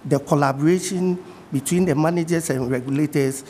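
Ghanaian man with a fairly high voice. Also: warm tone, big-room sound, a little hiss or hum. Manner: measured, repeats key points. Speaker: fishing industry guest. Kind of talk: TV studio interview. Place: TV studio.

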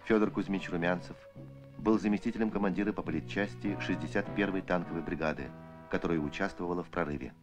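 Deep-voiced male old-newsreel narrator. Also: fairly even intonation. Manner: measured, declamatory documentary delivery. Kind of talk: old Soviet newsreel narration, scripted and solemn. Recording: archival film soundtrack with music. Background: music.

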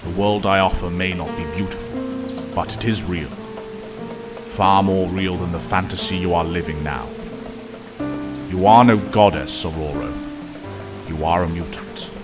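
An actor plays a wise older professor in an audio drama. His very deep voice is grave, formal and persuasive. Loud music and rain sit behind the speech. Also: steady tone, normal speed, long pauses, natural voice. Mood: earnest, persuasive.

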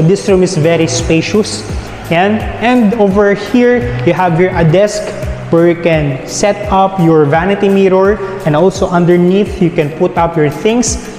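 A man with a Filipino accent walking through a house for sale, listing its features in a chatty guided-tour way. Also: high-pitched. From Philippines. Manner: walking while narrating, listing features with frequent "yan" and "no" tags. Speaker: real estate tour guide. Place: large empty house, indoors. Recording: echoey rooms with soft background music.

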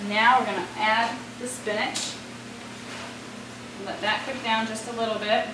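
Standing at the stove of an indoor home-style kitchen, an American woman chef hosts a casual cooking demonstration, talking chattily and instructively straight to viewers. Her fairly high voice has fairly even intonation and a measured pace, captured roomy and distant amid sizzling, clattering pots, stirring and loud kitchen noise.

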